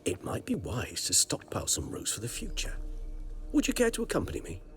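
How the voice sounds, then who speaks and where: A man's voice: mid-range voice, wildly swooping pitch, brisk. An actor playing a refined, ancient male vampire who speaks in dry, ornate, lightly sarcastic phrases, in video game dialogue. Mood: genteel. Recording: game audio with music underneath.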